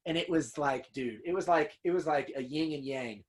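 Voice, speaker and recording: A dog kennel owner and upland hunter, appearing as a guest in a casual storytelling interview, recounts hunting tales earnestly and emotionally, often saying "man" and "dude." He talks at normal speed in a fairly high voice.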